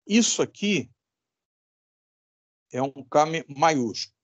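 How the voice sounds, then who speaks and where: Male teacher, Brazilian Portuguese accent, emphatic and repetitive, fairly high voice, dry close sound. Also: expressive, slow pace, no echo, muffled recording. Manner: emphatic, repetitive, asks the class rhetorical questions. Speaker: electronics teacher. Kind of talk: recorded classroom lesson.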